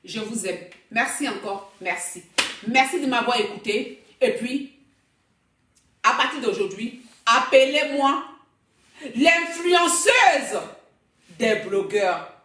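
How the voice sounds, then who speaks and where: A woman's voice: on the high side, lively intonation, slow, pauses often, pushed and bright, recorded from a distance. A woman content creator delivering a proud, declamatory vlog rant and repeating her slogans. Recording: roomy echo, voice off-mic.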